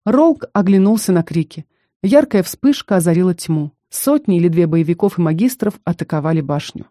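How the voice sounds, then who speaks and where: Female audiobook narrator, measured first-person fantasy reading, warm mellow voice, dry studio sound. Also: fairly low pitch, expressive, no room sound.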